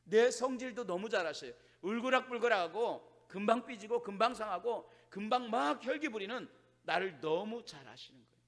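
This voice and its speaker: High-voiced pastor preaching in a reverberant church. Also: male voice. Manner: animated, acts out quoted complaints, drops to hushed asides. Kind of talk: sermon. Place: church sanctuary.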